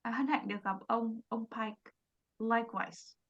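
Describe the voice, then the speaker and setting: A woman English teacher with a Vietnamese accent, explaining quickly in Vietnamese and modeling English words slowly on a video call. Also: on the high side, creaky, husky, dull audio. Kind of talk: online English lesson, mixing Vietnamese and English.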